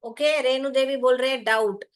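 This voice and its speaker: A woman's voice: high-pitched, normal speed. A woman teaching phonics in an online class, patient and explaining step by step, often asking rhetorical questions and fondly addressing her learners as children.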